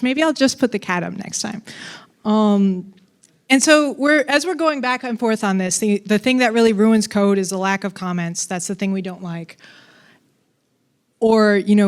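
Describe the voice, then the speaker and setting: A woman's voice: medium pitch, unhurried, clear, resonant tone. A woman giving a conference talk on coding, casual and playful, with fillers and asides. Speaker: conference speaker.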